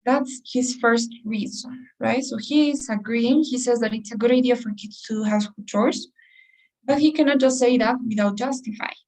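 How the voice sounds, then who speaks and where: A woman's voice: a little high, moderate pace, a little mellow, recorded from a distance, rough recording. A woman teaching an English test-prep class, explaining step by step and putting questions to her students. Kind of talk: class lesson.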